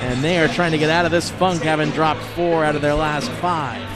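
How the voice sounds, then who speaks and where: A man's voice: a little high, brisk, over music. A man calling a basketball game live as play-by-play commentator. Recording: loud crowd and gym noise. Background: crowd, bouncing basketball.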